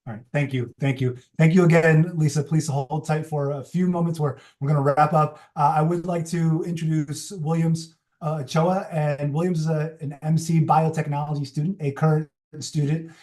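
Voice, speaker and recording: A man's voice: fairly high pitch, fairly even intonation, moderate pace, few pauses, a little mellow. A man introducing speakers at a public meeting, often repeating words as he goes. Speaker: college official introducing speakers. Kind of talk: meeting moderation. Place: meeting room.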